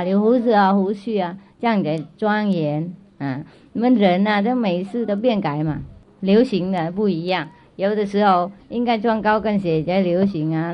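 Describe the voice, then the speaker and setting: A woman spiritual teacher telling a story to children in a chatty way, often repeating herself and asking if they follow. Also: mid-range voice. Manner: chatty, checks in with listeners often; repeats and restarts phrases. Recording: dull lo-fi recording.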